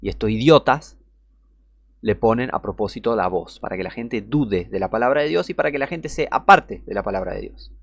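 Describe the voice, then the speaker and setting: A man's voice: lowish voice, expressive, brisk, gravelly, no room sound, muffled recording. A man giving heated Bible teaching, indignant and scornful, repeating his points.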